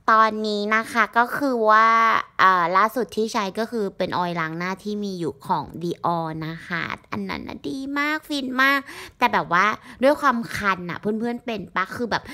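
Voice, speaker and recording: A woman's voice: fairly high pitch, sharp tone. A woman in her forties chatting casually to her viewers as she reviews a beauty product, joking about herself along the way. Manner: chatty and self-mocking, addressing viewers as friends. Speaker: beauty vlogger.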